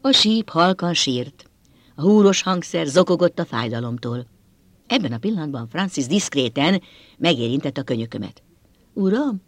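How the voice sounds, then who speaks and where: Man reading a novel aloud, first person, lots of pitch movement, dry close sound. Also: dry recording. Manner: expressive, dramatic reading. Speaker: audiobook narrator.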